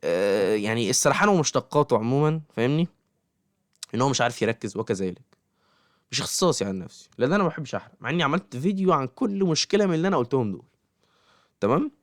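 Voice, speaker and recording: Egyptian man, rapid-fire advice monologue, mid-pitched voice, dry close sound. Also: expressive, no echo. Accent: Egyptian Arabic. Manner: keeps checking in with the listener, talks straight at them. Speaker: YouTuber giving study advice to students.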